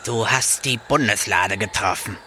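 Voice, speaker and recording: A man's voice: on the low side, measured pace, sharp tone, slight background noise. A man playing an exasperated, bickering, sarcastic Moses, whining and nagging in a comic radio play. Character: exasperated, bickering Moses, prophet of a poor desert people.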